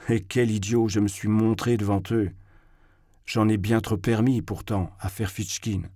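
A man's voice: lowish voice, a little mellow, no echo. Man narrating a novel, dry close sound. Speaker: audiobook narrator. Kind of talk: first-person literary narration.

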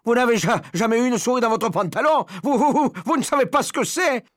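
A man voicing a panicked adult cook who shouts in a shrill, frantic voice in an audiobook. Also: fairly quick, no room sound, studio quality. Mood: indignant. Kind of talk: audiobook character voice.

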